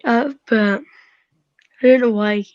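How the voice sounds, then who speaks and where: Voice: mid-range voice, fairly even intonation, slow pace, dry recording. A caller on a live stream, heard over a phone call, chatting casually and restarting sentences often. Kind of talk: casual chat. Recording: dull, dry phone line.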